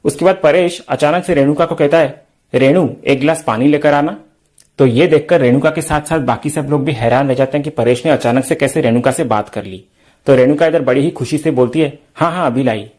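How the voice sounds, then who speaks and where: A man's voice: fairly high pitch, fairly quick, a little mellow. A man hosting a TV serial review, retelling an episode scene by scene in a storytelling way. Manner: storytelling recap, reads out dialogue.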